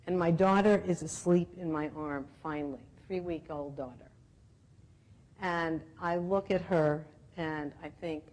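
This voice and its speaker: Woman, 70s, conference speaker; reflective storytelling, slightly low pitch. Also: darkish tone, low-quality recording. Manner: reflective, clears her throat often, laughs at her own slips. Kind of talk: personal storytelling talk. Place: conference room with audience.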